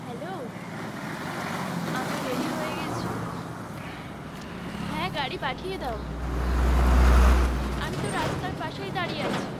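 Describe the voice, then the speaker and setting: A woman's voice: sits high, measured pace, long pauses, heavy background noise. Curt city woman. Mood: brisk. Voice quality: curt and impatient. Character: brisk, dismissive young city woman. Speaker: city woman waiting for a car. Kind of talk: comic film acting.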